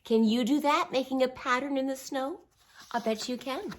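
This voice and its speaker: Reading a picture book to little children, a woman uses a high voice at a moderate pace. Her wording is simple and encouraging, with expressive emphasis, small asides, and questions sprinkled in.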